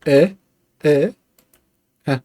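Mellow-voiced young man narrating a game. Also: fairly high pitch, extremely slow. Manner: talks to himself and the game, coaxing and cursing. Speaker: gaming YouTuber. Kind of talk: casual let's-play commentary.

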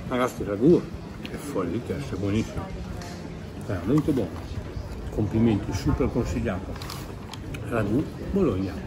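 A man's voice: fairly low pitch, animated, normal speed, pauses often, noisy background. A man on a casual food tour vlog, talking enthusiastically outdoors on a city street with his mouth full of sandwich. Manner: enthusiastic, chatty, exclaiming. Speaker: food vlogger.

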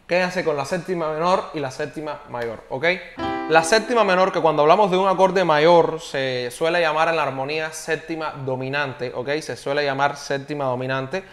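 Un hombre que da una clase de piano por video, explica paso a paso y pregunta "¿ok?" a cada rato. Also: male voice, fairly high pitch. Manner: explanatory, checks in with frequent "¿ok?". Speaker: piano teacher. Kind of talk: online piano tutorial.

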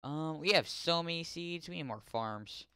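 A young man casually commenting on his gameplay, chatting to in-game characters and yelling curses when startled. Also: fairly high pitch, expressive, normal speed, clear, resonant tone, no room sound, studio quality. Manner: yells and swears when startled. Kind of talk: casual let's-play commentary.

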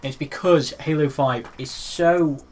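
A man's voice: a little high, a little slow, a little mellow, a little hiss or hum. A man co-hosting a casual gaming podcast, rambling with lots of fillers and restarts and teasing his co-host. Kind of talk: casual chat.

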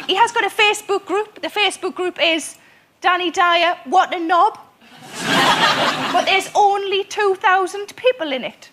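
A woman with a very high voice argues her case on a comedy panel show, teasing and joking drily and often chuckling as she goes. Loud noise hangs over the studio recording. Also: slow pace, pauses often. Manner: dry mocking jokes, chuckling. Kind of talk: comic stand-up argument.

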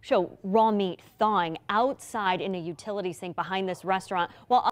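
A woman's voice: mid-range voice, moderate pace. A woman anchoring a TV news segment, reading scripted copy. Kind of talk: broadcast news read.

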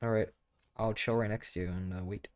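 A man's voice: lowish voice, fairly even intonation, fairly quick, darkish tone. A man hosting a casual gameplay chat with a friend, rambling and often stammering or repeating words as he talks. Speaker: gaming channel host.

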